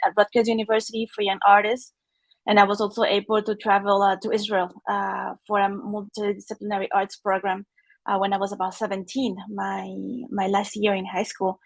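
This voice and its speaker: Chilean woman, halting, many fillers. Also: medium pitch, no room sound. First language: Spanish. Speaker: NFT artist guest. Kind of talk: casual personal talk. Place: home studio with art on the walls. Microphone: video call.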